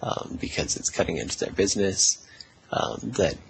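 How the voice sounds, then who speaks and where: A man's voice: deep voice, expressive, moderate pace, gravelly, a little hiss or hum, poor audio. A man in his twenties answering interview questions thoughtfully, with many fillers. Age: 20s. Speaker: political party representative, guest.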